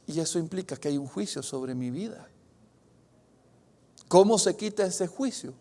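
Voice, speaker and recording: A pastor preaches a sermon. He reads scripture aloud and speaks in an earnest, confessional way. His delivery swings from loud, emphatic bursts to hushed, drawn-out phrases. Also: on the high side, expressive.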